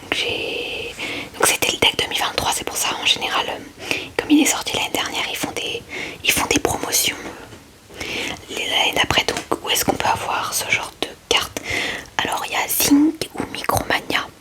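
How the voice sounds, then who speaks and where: In a gentle, hesitant whisper held near the microphone, the ASMR host unhurriedly narrates as she displays her cards.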